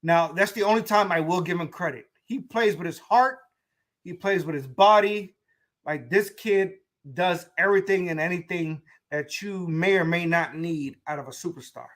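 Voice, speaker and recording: A man hosting a casual sports talk show, speaking in an animated way, repeating himself and talking straight to his listeners. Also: sits high, normal speed.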